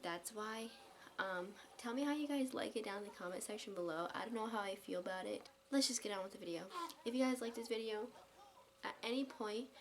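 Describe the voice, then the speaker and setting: A young woman vlogger telling a casual story at home late at night, talking softly and quietly, with many ums and likes. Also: mid-range voice, a little hiss or hum. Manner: soft hushed talk, many fillers and restarts. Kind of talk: casual story-time vlog.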